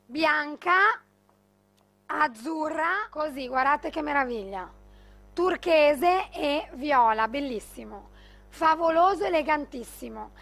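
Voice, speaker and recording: A middle-aged woman delivers an infomercial pitch as a TV shopping host. Her delivery is emphatic and gushing, yet slow-paced. The voice sits high, with a creaky, gravelly edge as she urges viewers to buy. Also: expressive, a bit bright. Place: TV shopping studio.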